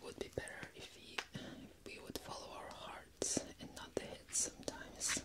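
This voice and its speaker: A young woman reads in an ASMR style, never rising above a whisper. The sound is binaural and close, moving ear to ear. Her delivery is soft and unhurried. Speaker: ASMR host. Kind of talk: whispered ASMR book reading. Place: small indoor room. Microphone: close binaural microphone in a plush cover.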